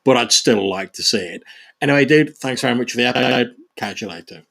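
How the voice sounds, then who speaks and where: A man leaving a voicemail for a podcast host as a listener, talking in a relaxed, friendly way with small hesitations. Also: medium pitch, fast talker, gravelly.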